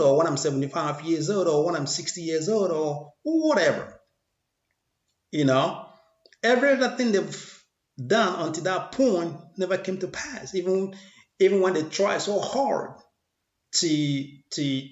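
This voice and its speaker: Man, motivational monologue, repeats himself, echoey room, dull muffled sound. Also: a little high. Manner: rambling, repeats phrases, preachy. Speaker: motivational speaker.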